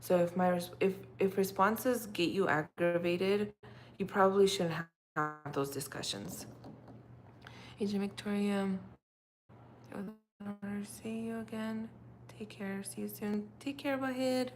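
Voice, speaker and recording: Chatting casually with her livestream viewers, a young woman who is a native Russian speaker rambles and leans heavily on fillers. She speaks at a measured pace in a medium pitch, with faint noise in the background.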